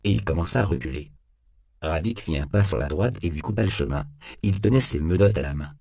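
A man narrating an audiobook in a grim, measured storytelling manner. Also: low voice, lively intonation, gravelly, mellow, dry recording, studio quality.

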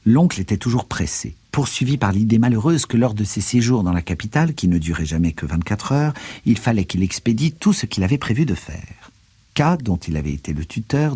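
A man narrating a literary work in a measured, expressive way. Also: on the low side, husky, no echo.

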